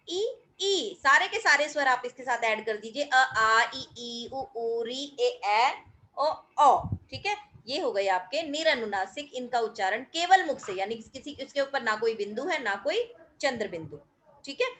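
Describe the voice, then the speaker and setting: A middle-aged schoolteacher with a high, clear, pushed and bright voice walks her pupils through a recorded grammar lesson. Patient and methodical, she draws out sounds as she demonstrates how to pronounce them.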